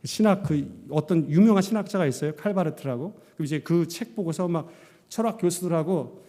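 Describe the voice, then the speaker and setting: A male pastor preaching a sermon, telling his story with lively acted-out lines. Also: fairly high pitch, brisk, in a large hall. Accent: Korean. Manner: animated storytelling, acting out his own past words. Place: church sanctuary.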